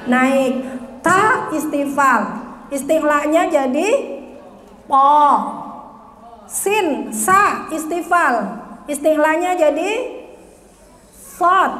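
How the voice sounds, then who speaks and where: Lady recitation teacher, patient drills, chants verses super slow, big reverb. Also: sits high, fairly bright tone. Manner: patient, drills letters and has students repeat; chants Quranic verses slowly in a melodic recitation. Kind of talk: tajwid pronunciation lesson. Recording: roomy hall reverb.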